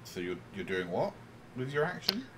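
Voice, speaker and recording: A man's voice: mid-range voice, sing-song, moderate pace, a crowd in the background. A man running a tabletop game as game master, narrating casually, teasing the players and swearing freely.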